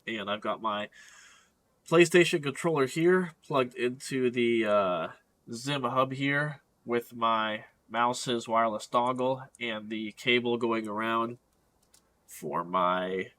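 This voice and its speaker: A man with a cold and a stuffed-up nose, explaining a gaming setup in a casual, halting walkthrough with frequent fillers. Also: medium pitch, fairly bright tone.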